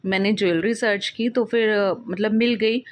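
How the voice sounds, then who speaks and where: A woman's voice: medium pitch, fairly even intonation, normal speed. Woman telling a meandering personal story. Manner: meandering, with frequent restarts and self-corrections. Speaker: devotee sharing a personal experience.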